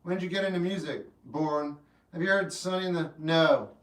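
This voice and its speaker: A man's voice: on the high side, moderate pace. Man in his fifties, echoey livestream. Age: 50s. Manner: relaxed, rambling, earnest when giving advice. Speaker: livestream host. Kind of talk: casual chat answering live chat. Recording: roomy echo, mic at a distance, faint guitar music.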